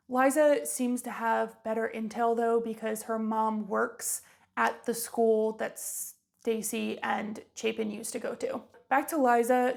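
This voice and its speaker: A woman's voice: on the high side, vocal fry, darkish tone. A woman vlogger recapping a movie in a chatty, offhand way.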